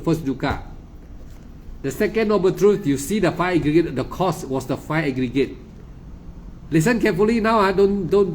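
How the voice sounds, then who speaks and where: A man's voice: a little high, darkish tone, a little hiss or hum. Emphatic Malaysian-accented man teaching meditation. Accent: Malaysian English. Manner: emphatic and repetitive, with many stammered restarts; insistent, lecturing. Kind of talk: dharma talk.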